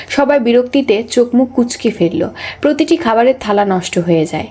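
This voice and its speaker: A text-to-speech woman's voice reading a novel aloud as an audiobook, keeping an even, flat delivery for every character. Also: on the high side. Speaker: audiobook narrator.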